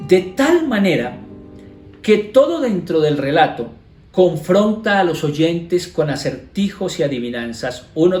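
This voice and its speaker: A male pastor with a Colombian Spanish accent and a somewhat high voice teaches a devotional. He reads scripture aloud, then breaks it down with rhetorical questions. The room echoes, and soft guitar music plays faintly behind him.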